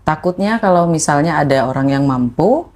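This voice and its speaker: A woman, a podcast guest telling a personal story in animated conversation. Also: moderate pace. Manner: animated, acts out quoted voices with rising pitch.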